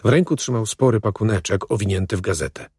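Brief: male reader, steady literary narration, lowish pitch, dry studio sound. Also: fast, husky, dry recording. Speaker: audiobook reader.

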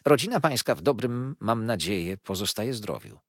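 A man's voice: on the low side, expressive, normal speed, no room sound, clean studio sound, pitched above the performer's own voice. A man voicing a blunt, forthright elderly lady who speaks frankly and directly. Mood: brisk.

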